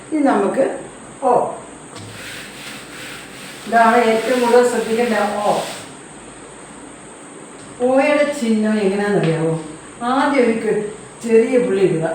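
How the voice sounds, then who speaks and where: Lady teacher going really slow thru letters, repeats every word, sounds far off in a very echoey room w faint background hum. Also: medium pitch, darkish tone. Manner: patient, repeats each word and explains it. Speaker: language teacher. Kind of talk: slow alphabet lesson, spelling out syllables. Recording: echoey room heard from a distance.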